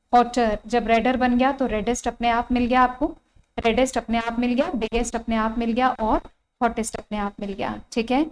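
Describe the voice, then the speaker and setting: A woman's voice: on the high side, darkish tone, rough recording. Indian woman teaching English grammar. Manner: spells out words slowly, repeats key phrases. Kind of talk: online exam-prep grammar lesson.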